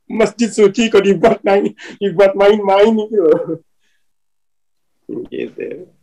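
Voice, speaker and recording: A relaxed, chatty speaker talks about matters of the soul in an easygoing way. Short laughs keep breaking into the talk. The phrasing is colloquial, with many little tag words at the ends of sentences. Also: mid-range voice, slow, poor audio. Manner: chatty and informal, often laughing between points. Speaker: speaker on a spiritual talk channel. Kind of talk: casual spiritual talk.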